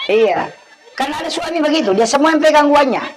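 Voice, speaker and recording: A man's voice: very high voice, very animated, normal speed, a crowd in the background, low-quality recording. A man with a Bugis accent preaching a humorous sermon at an evening gathering, teasing the audience and acting out scolding parents.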